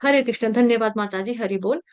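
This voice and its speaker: A woman teaches an online scripture class, patiently coaching pronunciation by breaking verses into syllables and chanting them for students to repeat. Her voice is a little high and a little fast, clear and resonant in tone.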